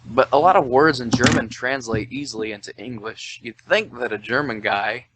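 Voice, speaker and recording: A man's voice: medium pitch, moderate pace, heavy background noise. A man in his twenties, drunk, hosting a podcast in loose, rambling, swearing chat, with faint music behind. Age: 20s. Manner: loose, rambling, swearing, reading aloud with mock quoting. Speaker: podcast host. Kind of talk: tipsy casual podcast chat. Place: indoors at home, Tennessee.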